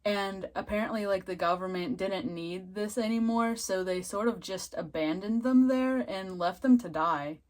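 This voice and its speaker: A woman's voice: mid-range voice, normal speed, few pauses. Girl doing a casual episode review, lots of likes and um's, giggles a bunch, normal voice. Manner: chatty, frequent "like" fillers, giggly asides.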